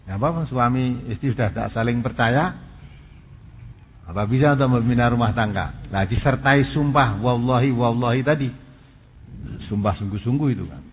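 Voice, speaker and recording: A man's voice: mid-range voice, moderate pace, a little hiss or hum. A man giving an Islamic sermon, explaining patiently and slipping into asides. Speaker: preacher. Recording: thin phone-like sound in a long-echo hall.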